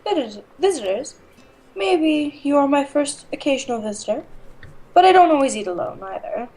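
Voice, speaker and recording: A woman voicing a dreamy, deadpan teenage schoolgirl who speaks flat and blunt. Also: sits high, normal speed, voice pushed up, rough recording.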